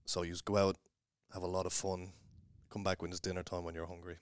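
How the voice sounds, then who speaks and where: A man's voice: low-pitched, flat delivery, fast, clear, resonant tone, dry recording. A middle-aged man with a Dublin Irish accent, a guest telling stories with humor in a radio studio interview. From Ireland. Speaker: guest entrepreneur. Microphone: headset mic.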